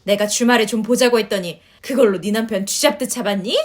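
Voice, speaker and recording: A woman's voice: medium pitch, fast talker, natural voice. A woman voicing a nagging older mother-in-law who scolds, sighs and complains in a story reading. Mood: indignant. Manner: scolding, sighing, huffy complaints. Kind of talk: storytelling voice acting.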